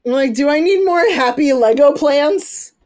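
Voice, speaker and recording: Hosting a podcast, this woman in her thirties keeps the chat casual, laughing a lot and letting the occasional swear slip. She has a high, slightly mellow voice with lively intonation and a moderate pace.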